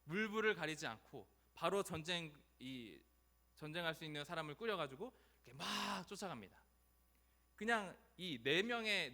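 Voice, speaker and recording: A male pastor preaching a sermon in an animated storytelling way, acting out the voices of the people in it. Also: on the high side.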